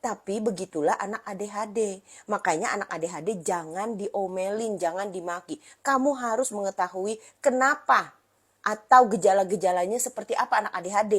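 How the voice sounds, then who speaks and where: A woman therapist speaks to parents in a casual, teaching manner. Her voice is husky and a little breathy, set at an ordinary pitch for a woman. She slips into lively acted-out dialogue whenever she quotes someone. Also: fairly quick. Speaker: therapist who reads clients' subconscious. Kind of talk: casual educational talk to parents.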